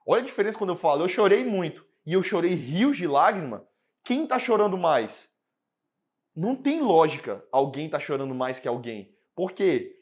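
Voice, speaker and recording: A young man with a Brazilian accent teaching an exam prep lesson, lively and chatty, asking his class questions. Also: on the high side. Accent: Brazilian Portuguese.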